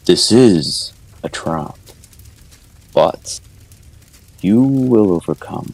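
A man voicing a god whose booming voice speaks into someone's mind, in a slow, solemn way. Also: lively intonation, creaky, darkish tone, no echo, heavily acted, poor audio. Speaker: game master.

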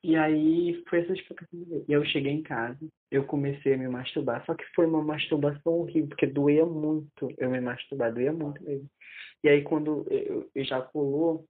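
A man in his twenties telling a personal story in casual conversation, animated and often restarting his sentences. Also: fairly high pitch, a little fast. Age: 20s. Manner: animated, acts out quoted dialogue, many restarts. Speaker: interviewee. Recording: tinny phone-like audio.

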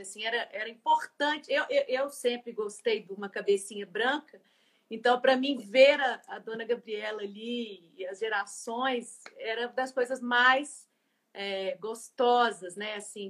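A woman's voice: on the high side, fairly bright tone. A woman hosting an interview, speaking in a reflective, searching way. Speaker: host. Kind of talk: interview conversation.

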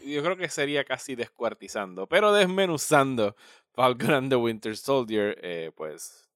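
Animated Puerto Rican man hosting a podcast. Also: medium pitch, normal speed, no room sound, clean studio sound. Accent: Puerto Rican Spanish. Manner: mixes English into Spanish. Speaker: podcast co-host. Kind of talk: casual podcast talk.

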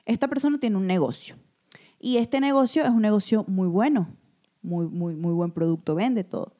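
A woman, co-hosting a casual chat and telling stories with animated energy, who keeps calling her friend comadre. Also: mid-range voice, normal speed. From Venezuela. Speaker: podcast co-host.

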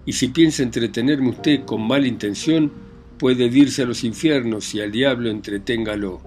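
A man reading aloud voices a defiant, grieving young country widow who answers with sharp, indignant retorts. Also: on the low side, moderate pace, soft background music, natural voice.

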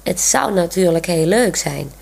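A woman's voice: on the low side, expressive, measured pace, creaky, darkish tone, slightly rough, heavily acted. A woman reading aloud voices a sensible, thoughtful adult caretaker. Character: kindly adult female caretaker.

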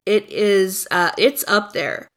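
A woman's voice: mid-range voice, takes it slowly, very noisy. A woman co-hosting a casual chat podcast, rambling with many fillers and restarts. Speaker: podcast co-host.

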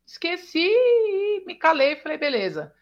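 A woman's voice: very high-pitched, very animated, unhurried. A Brazilian woman hosting a casual chat who tells stories animatedly and acts out quoted dialogue. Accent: Brazilian Portuguese. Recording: dull lo-fi sound.

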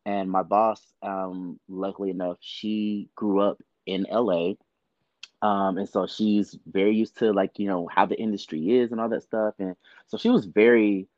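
Deep voiced guy from georgia, chatty guest, lots of likes and ums, dry muffled sound. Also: fairly even intonation, moderate pace, a little mellow, no echo. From Georgia, US South. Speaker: podcast guest, actor and producer. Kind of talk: casual interview talk.

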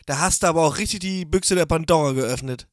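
A man's voice: a little high, fast, dry recording, studio quality. A man co-hosting a casual podcast, teasing and joking. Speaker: podcast co-host. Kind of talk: casual chat.

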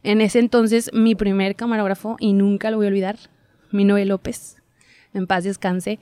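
A young woman, telling her story as a guest in a casual interview, chatty and quick to laugh. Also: medium pitch, flat delivery, dark tone, clear, resonant tone, no room sound. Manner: chatty storyteller, laughs often, acts out quotes. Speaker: guest, TV reporter.

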